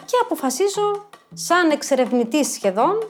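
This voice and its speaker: A woman in her fifties telling personal stories in a lively way, acting out the people she quotes. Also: sits high. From Greece. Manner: lively, acts out quoted voices. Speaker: storyteller. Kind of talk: personal storytelling. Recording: faint music underneath.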